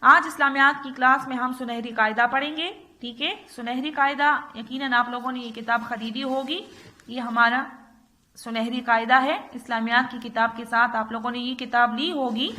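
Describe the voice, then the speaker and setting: Bright high-voiced woman teacher. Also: steady tone. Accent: Urdu-speaking Pakistani. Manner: patient, repeats "theek hai" often, drills letters slowly. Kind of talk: recorded online class lesson.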